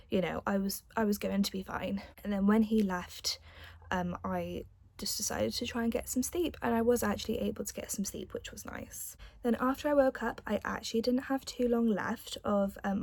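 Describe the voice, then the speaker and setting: A woman's voice: medium pitch, fairly even intonation, normal speed, a little mellow, no echo. A young adult woman telling a personal story in a casual, chatty vlog style, with the odd light giggle. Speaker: vlogger.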